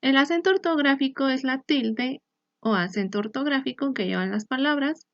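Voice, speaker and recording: A woman teacher explaining a lesson in a clear, measured way, sometimes restarting a phrase. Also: sits high, a bit bright, no room sound. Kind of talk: recorded online lesson. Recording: dry, slightly muffled recording.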